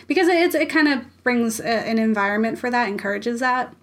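A young woman co-hosting a podcast in relaxed, casual chat. Her voice sits a little high, and her talk is full of fillers and quick laughs. Now and then she breaks into playful imitations of other voices. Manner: chatty, many fillers, laughs often, mimics voices. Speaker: podcast co-host.

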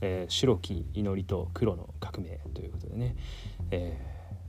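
Over background music, a male solo talk show host chats in a loose, meandering way, amused by himself and prone to giggles. He sounds low-pitched and a little mellow at a measured pace, and there is a slight hiss or hum.

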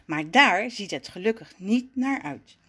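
A woman narrating a children's story in an expressive storybook manner. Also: mid-range voice, measured pace, breathy edge.

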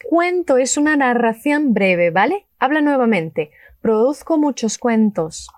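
A woman teaching a Spanish lesson, upbeat and enthusiastic, saying model phrases slowly and clearly for learners to repeat. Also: on the high side, very animated, no room sound, clean studio sound. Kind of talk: language lesson with repeat-after-me drills.

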